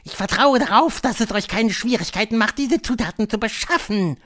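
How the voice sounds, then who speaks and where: A man reading an audiobook, voicing an imperious female witch leader who lectures in a shrill, drawn-out way. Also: a bit bright. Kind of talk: audiobook character voice.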